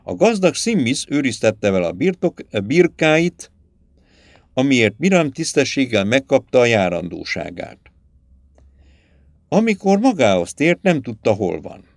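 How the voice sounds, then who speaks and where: Man reading a story out loud, really animated up-and-down voice, dry close mic. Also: mid-range voice, dry recording. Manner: lively, dramatic reading. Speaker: audiobook narrator. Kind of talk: scripted storybook narration.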